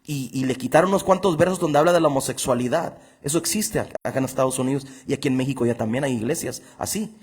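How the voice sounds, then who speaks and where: A middle-aged man preaching a sermon with emphasis, slowing down to read scripture aloud. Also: medium pitch, slightly rough.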